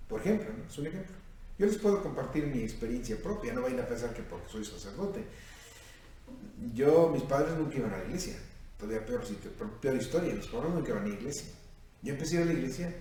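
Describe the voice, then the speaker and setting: Lively Mexican priest in his fifties, echoey and distant. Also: medium pitch. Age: 50s. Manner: lively, questioning the listeners and calling them "mijo". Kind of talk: sermon at a youth retreat. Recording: echoey room from far off, faint noise.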